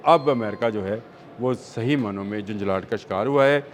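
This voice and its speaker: A man's voice: fairly low pitch, moderate pace. A man with a Pakistani Urdu accent giving emphatic, repetitive news analysis in a studio discussion, with hesitant fillers.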